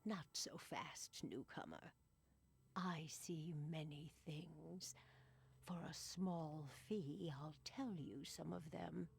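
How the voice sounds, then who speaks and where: An actress playing a mysterious, teasing fortune teller in a video game, with a theatrical, drawn-out mystical delivery. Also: female voice, low voice, creaky, husky, exaggerated voice. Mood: coy, bargaining.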